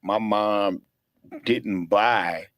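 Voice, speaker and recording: A middle-aged man hosting a podcast, telling stories casually with plenty of swearing and slow, drawn-out pauses while he thinks. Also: on the low side, steady tone, a bit bright, no echo. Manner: laid-back storytelling, profane, drawls when thinking. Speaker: podcast host.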